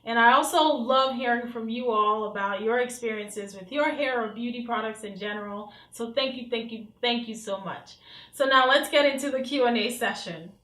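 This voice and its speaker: A woman's voice: on the high side, moderate pace, echoey room, low-quality recording. A woman in her thirties from Nigeria, chatting casually to camera as a vlogger, reading questions off her phone. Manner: chatty, warm-hearted asides, reads questions off her phone. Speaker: beauty vlogger. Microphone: camera mic, reading from phone.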